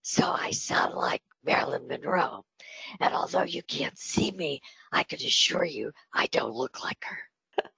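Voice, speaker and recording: An older woman talks slowly and thoughtfully, her voice breathy and raspy with a gravelly edge. She sounds reflective and measured, in a dry, close recording. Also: deep voice, expressive, sharp tone, dry recording, low-quality recording. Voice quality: breathy, whispery voice. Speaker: podcast guest, retired health system executive. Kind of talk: interview storytelling.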